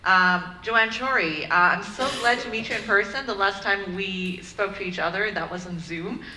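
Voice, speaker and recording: A woman's voice: medium pitch, normal speed, sharp tone. A woman in her thirties moderating a panel discussion, upbeat, filling her questions with "um" and "kind of". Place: conference room with audience. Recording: echoey room, faint room noise.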